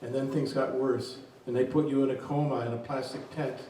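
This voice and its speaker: A man reading his poems aloud at a reading event, in a slow, measured voice. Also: medium pitch, level tone, mellow, a little hiss or hum. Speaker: poet reading his work. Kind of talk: poetry reading. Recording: very echoey room, distant mic.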